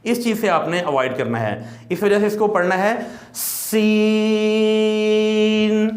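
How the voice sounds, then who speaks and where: High-voiced man teaching recitation, roomy echo. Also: very animated. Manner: explains patiently, then draws out letter sounds as long demonstrations. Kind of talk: classroom lesson.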